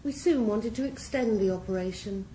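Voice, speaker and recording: Cool, composed and mocking, a radio drama's ruthless female drug boss is voiced by an actress at medium pitch and moderate pace. The dark tone remains near her everyday voice, and the criminal mastermind's lines carry a roomy echo and faint hiss.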